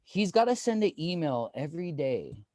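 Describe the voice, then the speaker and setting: Rambling stand-up comic, man, high-ish. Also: sing-song, moderate pace, mellow, no room sound, clean studio sound. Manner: rambling, filler-heavy, self-deprecating. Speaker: comedian. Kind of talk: stand-up comedy set.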